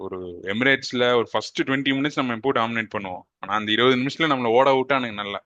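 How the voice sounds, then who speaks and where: A man co-hosting a casual football podcast, speaking with a Tamil accent and mixing in English phrases as he gives animated opinions. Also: mid-range voice, fast, dry recording, dull audio. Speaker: podcast co-host.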